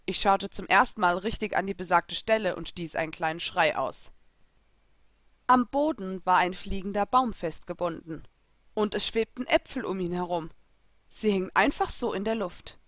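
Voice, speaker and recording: A woman's voice: mid-range voice, normal speed, a bit bright, dry recording. Woman reading a story, dry sound. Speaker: reader. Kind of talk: first-person story reading.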